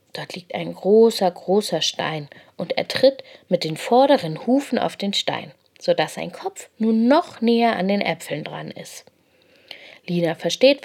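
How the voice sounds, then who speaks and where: A woman reading a children's bedtime story aloud, gentle and expressive. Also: fairly low pitch, gravelly.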